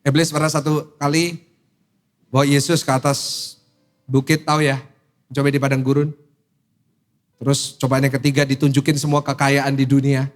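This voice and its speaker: A man, preaching to a church congregation in an animated, humorous, teasing way. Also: medium pitch, moderate pace, pauses often. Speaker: pastor. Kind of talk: sermon. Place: church service.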